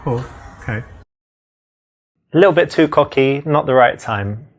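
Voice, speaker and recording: A man's voice: mid-range voice, a little slow, soft background music. A man from England with a London accent, a dating coach chatting breezily and then explaining his approach, with plenty of "you know" fillers. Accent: London English. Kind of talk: demonstration chat with coaching asides to camera.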